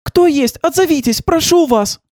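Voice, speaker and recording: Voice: high voice, expressive, moderate pace, a little mellow, dry recording, clean studio sound, voice pushed up. A reader voicing an anxious, lonely young woman who asks urgent questions, in an audiobook. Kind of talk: audiobook role-play.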